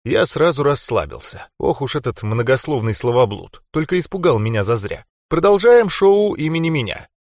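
A man reading a first-person audiobook in a wry, expressive manner. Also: mid-range voice, normal speed, hardly any pauses, no room sound, studio quality. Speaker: audiobook reader.

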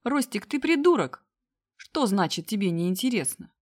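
A woman voicing a hysterical, spoiled young woman who squeals insults in a high, loud voice. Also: sing-song, normal speed. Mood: shrieking scorn.

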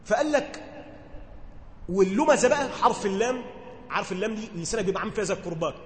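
A man's voice: high voice, lively intonation, rapid-fire, reverberant, long reverb tail. A man with an Egyptian accent teaching a religious lesson. He reads the classical text, then explains it in casual dialect and keeps asking his listeners whether they follow. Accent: Egyptian Arabic. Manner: conversational, asks listeners questions to check understanding. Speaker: teacher explaining Quran commentary.

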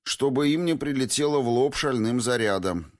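A man voicing a rough male fighter in an audiobook, blunt and given to swearing. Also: medium pitch, animated, normal speed, no room sound, clean studio sound, pitched above the performer's own voice, lightly acted. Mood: reporting.

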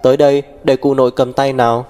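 A man's voice: medium pitch, level tone, quick pace, soft background music, natural voice. A man doing a doting old great-grandfather. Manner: warm, fussing and cheerful.

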